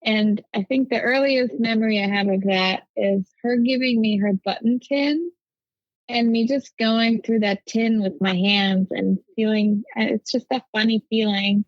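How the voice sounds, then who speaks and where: A woman's voice: fairly high pitch, fairly even intonation, measured pace, no room sound. Woman from Germany, native German speaker, upbeat casual talk, dry close sound, slightly muffled audio. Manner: chatty, upbeat, with frequent "like" and "you know". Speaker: guest, quilt pattern designer. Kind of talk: casual interview chat.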